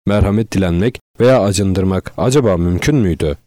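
A man narrating an audiobook in a steady, measured reading voice, close to the microphone. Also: deep voice, no echo.

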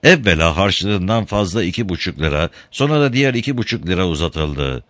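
A man narrating a story aloud in an expressive storytelling manner. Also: low-pitched, brisk, dry recording. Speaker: reader.

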